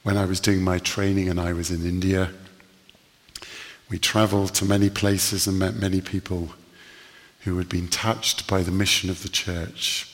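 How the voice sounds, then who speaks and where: A man preaching a sermon, telling stories earnestly with slow, emphatic pauses. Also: deep voice, little pitch movement, in a large hall.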